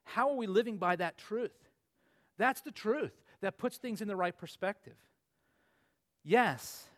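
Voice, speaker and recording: A man in his forties preaching a sermon as pastor, earnest and swinging from emphatic peaks to low asides. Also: fairly bright tone. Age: 40s.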